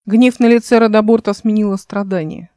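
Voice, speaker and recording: A woman narrating her own fantasy audiobook in an even, plain reading, close to a home mic. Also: medium pitch, fairly quick, clean tone, dry recording.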